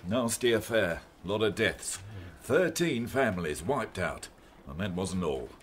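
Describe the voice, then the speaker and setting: A blunt, world-weary British police inspector in a radio drama. The man speaks tersely in a low voice, with faint noise behind. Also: very animated, a little slow. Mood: grim, matter-of-fact. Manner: terse, matter-of-fact.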